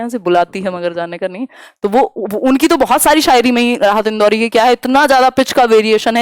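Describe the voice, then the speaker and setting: A woman teaching a live online exam-prep lesson. She explains each point in Hindi mixed with English terms, reads the questions out slowly and answers viewers in the chat. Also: medium pitch, smooth, no echo.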